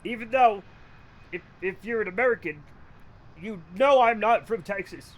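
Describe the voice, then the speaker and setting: Speaking at a normal speed in a high-pitched voice, this Rhode Island man streams a game live and keeps up loose, casual chatter. He wanders from topic to topic, cracks jokes, swears without restraint and laughs often.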